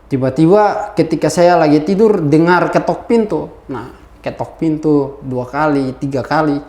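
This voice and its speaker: A man's voice: a little high, moderate pace. A young man, telling his life story as an interview guest and acting out the voices of the people in it. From Ambon. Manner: animated, acts out quoted voices. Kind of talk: personal testimony storytelling. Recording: echoey room.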